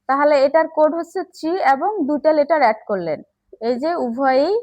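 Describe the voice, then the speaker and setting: A woman's voice: sits high, poor audio. A woman teaching an English grammar lesson, explaining step by step and checking in with the class.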